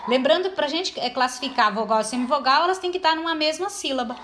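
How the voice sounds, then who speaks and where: A woman's voice: high-pitched, expressive, fast, noisy background. A woman teaching a lesson, explaining patiently step by step with many fillers. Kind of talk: informal classroom lesson.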